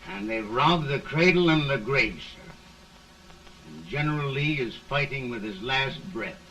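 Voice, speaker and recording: Army general in an old talkie, bright forceful voice, formal, sounds far from the mic. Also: male voice, medium pitch, animated, measured pace, a little hiss or hum. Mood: earnest, confident. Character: brisk, respectful male army general reporting to president. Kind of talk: early talkie film acting. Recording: distant early 1930s film soundtrack.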